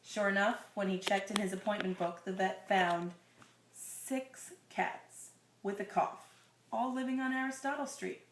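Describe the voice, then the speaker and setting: Reading a children's picture book aloud to a listener, a woman speaks a little slowly at medium pitch with fairly even intonation. She still reads expressively, stretching phrases and tossing in asides and questions; the roomy, echoing recording has a bit of hiss or hum.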